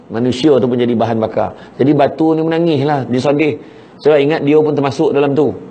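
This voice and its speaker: A man's voice: on the high side, darkish tone, husky. A man with a Malaysian Malay accent, a religious teacher giving a morning lecture to a congregation. He tells stories in a conversational way and keeps asking his listeners to agree. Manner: conversational storytelling, asks listeners "kan?" often.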